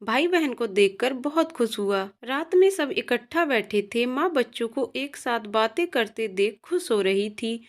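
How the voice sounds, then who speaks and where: A woman narrating a moral story in a steady, plain storytelling way. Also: a little high, measured pace, hardly any pauses.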